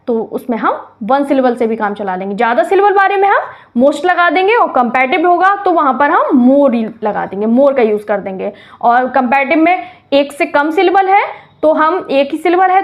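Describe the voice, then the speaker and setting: A woman's voice: sits high, muffled recording. A woman teaching English grammar, explaining exercise answers step by step, often asking a question and then answering it herself.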